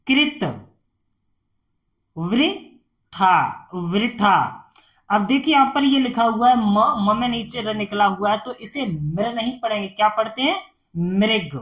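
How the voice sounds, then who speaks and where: A woman teacher giving a reading lesson, saying each word slowly twice and explaining patiently. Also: a little high. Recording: echoey room.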